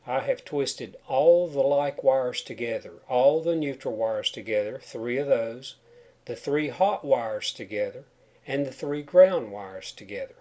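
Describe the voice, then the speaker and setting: A man gives plain, step-by-step instruction in the manner of a homemade tutorial. His mid-pitched voice has a noticeable whistle on sibilants, caused by a chipped tooth. He explains each point simply, as a do-it-yourself instructor. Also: animated, a little slow, warm tone, rough recording. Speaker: DIY home wiring instructor. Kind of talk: narrated how-to tutorial over photos.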